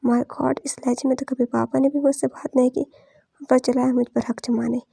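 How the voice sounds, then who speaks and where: A woman voicing an angry, sharp-tongued young heroine who scolds and defies her elders in a storybook reading. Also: high voice, little pitch movement, moderate pace, vocal fry, slightly rough, no room sound, studio quality, exaggerated voice. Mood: furious. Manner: scolding, defiant.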